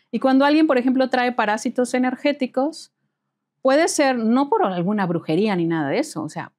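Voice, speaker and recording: A woman, a spiritual healer guest in an interview, telling stories lively and acting out the dialogue. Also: medium pitch. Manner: lively, acts out dialogue in quoted voices, laughs often. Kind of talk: storytelling in an interview.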